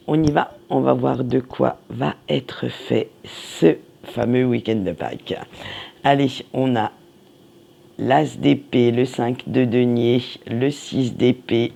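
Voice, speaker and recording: A man giving a weekly tarot reading, slow and meandering, reassuring, with many fillers. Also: mid-range voice, gravelly, darkish tone, slightly rough, muffled recording. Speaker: tarot card reader.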